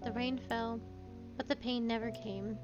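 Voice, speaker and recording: Woman streamer narrating a novel, higher voice, faint music behind. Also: steady tone, measured pace, dull audio. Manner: storytelling, small slips and self-corrections. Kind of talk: reading a novel aloud.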